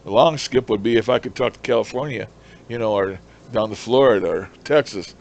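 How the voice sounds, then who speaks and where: A man with a lowish voice talks briskly, and the high frequencies are cut off. He's an amateur radio hobbyist presenting a casual, unscripted demo, explaining as he goes and repeating himself. Steady background noise runs under an otherwise clear recording.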